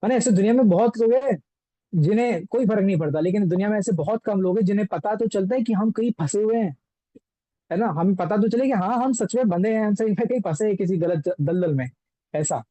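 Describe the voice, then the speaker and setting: A man's voice: high voice, brisk, dark tone, no room sound, low-quality recording. A man teaching a scripture text, explaining it through everyday examples and rhetorical questions.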